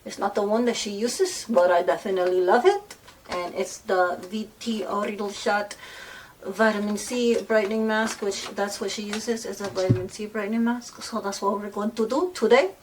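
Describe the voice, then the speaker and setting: A woman's voice: mid-range voice, fairly even intonation, moderate pace, a little mellow. Chatty woman a bit off-mic. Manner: chatty and self-deprecating, with rambling asides. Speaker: beauty vlogger. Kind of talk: casual chat while doing makeup. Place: at home. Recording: voice a bit far from the mic, faint noise.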